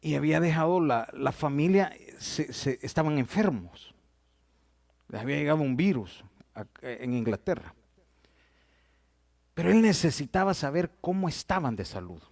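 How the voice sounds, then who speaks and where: A man preaching a sermon, his voice sitting a little high for a man. He tells stories and speaks straight to his listeners as "brother". The sound is dry and close, with little room echo. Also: animated, moderate pace, gravelly, long pauses, a little mellow. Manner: storytelling, addresses listeners as "hermano". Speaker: pastor.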